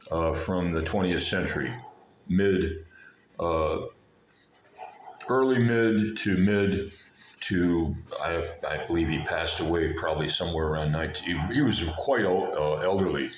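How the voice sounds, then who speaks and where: Very low-voiced man, halting and meandering. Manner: halting, meandering, often breaks off and rephrases mid-sentence. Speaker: art lesson video host. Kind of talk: rambling informal drawing tutorial talk. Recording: echoey room with faint background noise.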